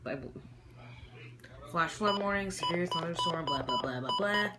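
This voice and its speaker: A hobbyist with a feminine-sounding, mid-range voice gives a casual, halting show-and-tell that rambles along. She's expressive, talking over loud music in a noisy amateur recording made at home.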